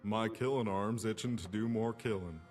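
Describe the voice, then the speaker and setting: A man's voice: on the low side, moderate pace, a little mellow, faint music behind, lightly acted. A man voicing a bloodthirsty, brutish sellsword in a game, boasting and dropping his g's. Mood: gleeful. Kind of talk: game voice acting.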